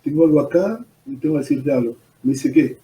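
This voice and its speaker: This pastor's voice is mellow and mid-range, and he talks fairly quickly with an Argentine accent. Interviewed about his personal testimony, he tells it like a story and sprinkles in "¿viste?", heard far from the mic in an echoey room.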